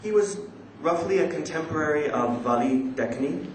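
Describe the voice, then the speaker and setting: A man with a slightly high, expressive voice presents a conference paper, reciting poetry as part of a scholarly lecture in a large indoor hall. He is measured, somewhat hesitant and self-deprecating, and is not a native speaker of the Urdu he quotes. The recording is echoey, with background noise.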